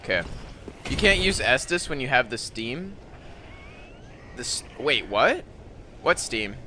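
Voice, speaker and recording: A man's voice: mid-range voice, very animated, slow, noisy background. A man giving casual, sweary gameplay commentary as he plays a video game. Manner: casual, profane.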